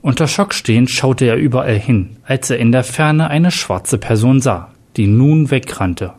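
A man reading a crime story aloud as narrator in a steady storytelling manner. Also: medium pitch, a little slow. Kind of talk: scripted narration.

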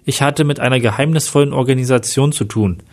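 A man's voice: mid-range voice, fast talker, a little mellow, lightly acted. Weary ex-detective on the run, read by a man, plain storybook delivery. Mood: subdued.

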